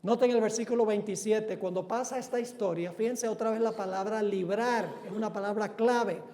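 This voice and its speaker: A male pastor delivers a sermon with a high voice. He keeps asking the congregation questions and answering them, and pushes hard on key words. His voice rings with the long reverb of a large church hall. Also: fairly even intonation, moderate pace. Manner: emphatic, swells loud on key words.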